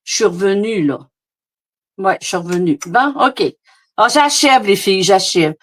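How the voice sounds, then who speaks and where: A woman's voice: mid-range voice, animated, normal speed. A woman with a Québécois French accent, demonstrating card making in a casual, rambling live chat full of fillers. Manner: chatty, rambling, many fillers. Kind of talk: casual live craft demo. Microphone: phone camera.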